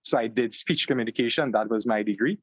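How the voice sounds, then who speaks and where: A young man from Trinidad and Tobago with a Trinidadian accent, a guest on an interview podcast, telling his story in a relaxed way, joining over a video call. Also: medium pitch, fast talker, husky, no room sound. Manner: relaxed storyteller, fillers, "long story short". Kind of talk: conversational interview. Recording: slightly dull, dry call audio.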